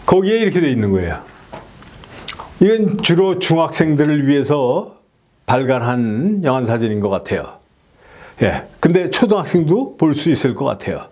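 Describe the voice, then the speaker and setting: Middle-aged guy teaching english sounds, slightly high voice, keeps asking "yeah?". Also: moderate pace. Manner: animated, frequent rhetorical "예?" checks. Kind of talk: explaining a lesson to camera.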